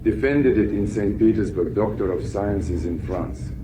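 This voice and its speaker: A man in his sixties from Kazakhstan, answering interview questions in a measured, solemn and self-assured way. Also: fairly low pitch. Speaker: interviewee, founder of a healing teaching. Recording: steady background noise.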